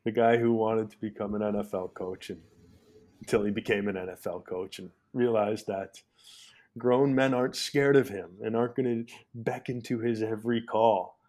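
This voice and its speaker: A man with a low voice co-hosts a casual sports podcast. He gives blunt opinions with a dry, sarcastic edge. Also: steady tone, moderate pace, a little mellow. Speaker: podcast co-host.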